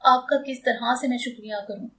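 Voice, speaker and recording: A woman's voice: fairly high pitch, steady tone, fairly quick, pushed and bright, far from the mic. Woman voicing a tearful younger brother. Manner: choked, pleading.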